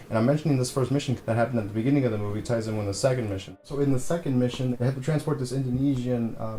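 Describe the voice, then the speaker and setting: A man's voice: medium pitch, mellow. A man hosting a casual movie review vlog, blunt and rambling with lots of "you know". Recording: echoey room, faint hum.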